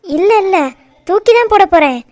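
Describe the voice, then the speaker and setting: A woman's voice: very high voice, lively intonation, normal speed, very noisy. A woman voicing a bold, fearless young bride-to-be in a cartoon, teasing her elders cheekily. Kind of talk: cartoon voice acting.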